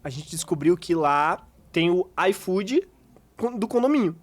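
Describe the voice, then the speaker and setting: A man hosts a podcast in a relaxed, chatty way. His pace speeds up and slows down as he tells a story and laughs along with his guest. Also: sits high. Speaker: podcast host. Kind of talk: casual chat.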